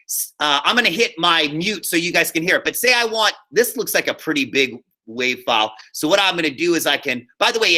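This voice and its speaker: Speaking casually to his class over screen share, a male high school drama teacher offers encouraging, step-by-step guidance and keeps checking that students follow along. His voice is a little high with a sharp tone.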